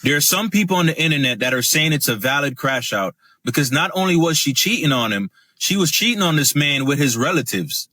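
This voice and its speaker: Bright-voiced man recapping a news story. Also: fairly high pitch, brisk, hardly any pauses, dry recording. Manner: steady, matter-of-fact storytelling.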